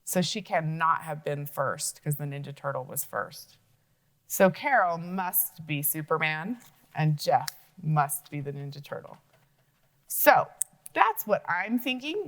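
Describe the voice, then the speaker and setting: A woman's voice: fairly low pitch, animated, a little slow, a bit bright. A woman teacher walking young children through a logic puzzle, thinking aloud and asking them questions.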